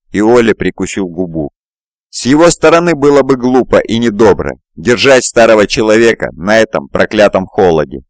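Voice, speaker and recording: A man narrating a fantasy audiobook in a steady, even reading. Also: lowish voice, no echo, studio quality. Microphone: close mic, home recording.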